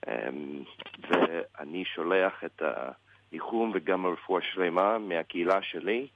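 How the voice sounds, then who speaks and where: A man with an American English accent in Hebrew, a native English speaker, answers a radio interview as a rabbi, haltingly searching for words. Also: low-pitched, dry recording, lo-fi sound.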